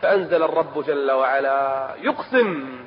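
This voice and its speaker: A male preacher with a Kuwaiti Gulf Arabic accent delivering an emotional sermon, swinging from fervent cries to hushed tones and chanting verses of scripture. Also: mid-range voice, normal speed. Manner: impassioned, rising to cries then dropping to hushed tones. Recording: dull lo-fi lecture recording with faint hiss.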